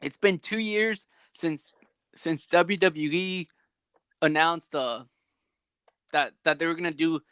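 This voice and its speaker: A man's voice: fairly high pitch, slow pace, long pauses, pushed and bright, clean tone, no echo. A young man hosting a podcast over a video call, chatting casually and rambling animatedly with lots of "like" fillers. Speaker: podcast host. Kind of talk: casual chat.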